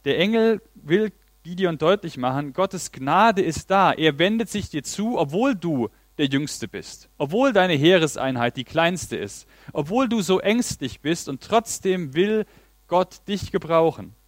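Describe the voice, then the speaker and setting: A man's voice: on the high side, big pitch swings, a little slow, no room sound. Earnest male preacher, dry close sound. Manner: earnest, reads Bible passages aloud. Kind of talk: sermon.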